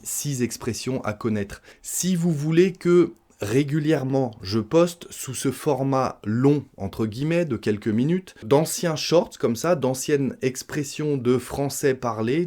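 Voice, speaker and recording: A young man teaching spoken French expressions in a video lesson, explaining slowly and acting out short everyday dialogues. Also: medium pitch, a little mellow. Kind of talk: YouTube language lesson.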